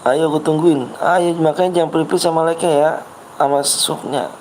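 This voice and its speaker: A man's voice: fairly high pitch, steady tone, fast, darkish tone, slight background noise, rough recording. A man hosting a game livestream, chatting casually with Jakarta slang, patiently reading comments and coaxing viewers over and over. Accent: Jakarta Betawi slang. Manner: patient, reads chat, repeats himself coaxingly.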